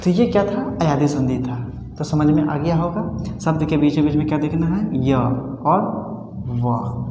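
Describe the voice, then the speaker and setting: A male teacher with a Bhojpuri-tinged accent talks slowly through a grammar lesson. He quizzes and answers himself and repeats syllables as drills. His voice rings in a roomy space with a long reverb tail and faint music underneath. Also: on the high side, lively intonation, warm tone, a little hiss or hum. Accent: Bhojpuri-tinged Hindi. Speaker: Sanskrit teacher.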